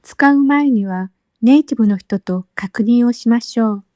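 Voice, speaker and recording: A woman teacher giving a scripted lesson, speaking slowly and carefully with clearly spaced phrases, recorded as a voice-over. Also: a little high, mellow, dry recording, clean studio sound. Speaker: Japanese teacher.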